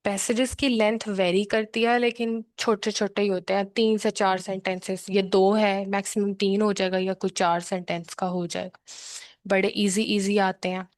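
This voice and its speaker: A woman tutor walks students through a reading task in a steady, patient way. She repeats key points and checks in often. Her voice sits in a middle range and sounds dry and close, with no room echo. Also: medium pitch, normal speed. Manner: patient, repetitive explaining with frequent check-ins. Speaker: exam prep tutor. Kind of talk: explanatory lesson, mixing English terms into her talk.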